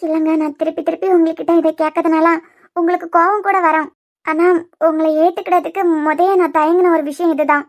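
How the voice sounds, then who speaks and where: A woman's voice: very high-pitched, steady tone, fairly quick. A woman voicing a weepy young wife who pleads and sulks, with a Kanyakumari Tamil accent. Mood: pleading. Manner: plaintive, pleading, sulky. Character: young pregnant wife, weepy and easily hurt. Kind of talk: cartoon web series voice acting.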